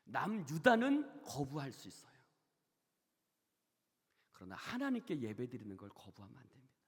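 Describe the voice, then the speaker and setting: A man preaching a sermon as pastor. He swings from hushed near-whispers to loud, shouted peaks, and he keeps asking the congregation questions and having them repeat phrases after him. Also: medium pitch, wildly swooping pitch, moderate pace, slightly rough, in a large hall. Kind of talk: Wednesday service sermon. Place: church sanctuary.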